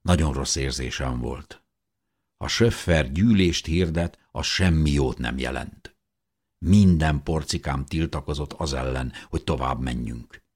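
Very deep, husky male narrator. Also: darkish tone. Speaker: audiobook narrator. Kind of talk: first-person audiobook narration.

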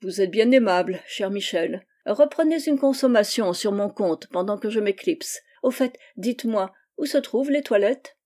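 Lady voicing a polite german-accented gestapo officer, smooth and flattering, mellow tone. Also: mid-range voice, moderate pace, few pauses, lightly acted. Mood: courteous. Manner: courteous, flattering.

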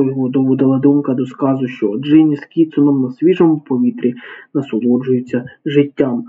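A man reading a crime novel aloud as audiobook narration, steady and dramatic. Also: medium pitch, husky. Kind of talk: scripted narration. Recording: tinny phone-like sound.

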